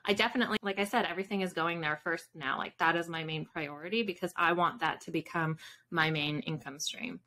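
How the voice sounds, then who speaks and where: A thirties-aged fiction author appears as a guest on a relaxed video call interview, speaking informally and thinking out loud from a bookshelf-filled room at home. Her voice is fairly low, steady and sharp, and her pace is brisk.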